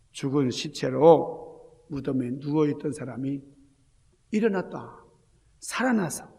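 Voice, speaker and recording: A man preaching an Easter sermon in a fairly high, gravelly voice. He throws rhetorical questions at his congregation and moves between loud exclamations and hushed near-whispers. The sound carries the long reverb of a church sanctuary. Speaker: senior pastor.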